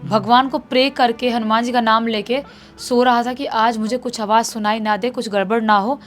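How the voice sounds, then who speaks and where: A woman casually narrating a spooky story, acting out the characters' lines with a raised, louder voice. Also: fairly even intonation, moderate pace, soft background music. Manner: acts out quoted characters with raised pitch and loudness. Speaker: horror storyteller. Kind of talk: casual spoken horror narration.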